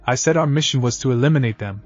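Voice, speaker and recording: A calm, self-assured young male ninja speaks in a fan story, read by a man in his own voice. His tone is even and mid-pitched. The audio is slightly dull with soft music underneath. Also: fairly quick, lightly acted.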